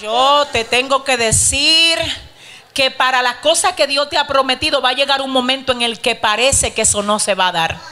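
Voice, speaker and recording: A woman preaches a fervent sermon in church, her high, bright voice pushing into shouted calls to the congregation. Passionate and urgent, she moves between teaching and prayer. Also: moderate pace. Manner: fervent, rising to shouted exhortations. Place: church service.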